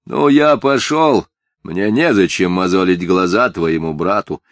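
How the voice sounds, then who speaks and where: A man voicing a self-important small village boy who speaks slowly and gravely, as if much older. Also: deep voice, no room sound. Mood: sardonic. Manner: measured, lordly, unhurried.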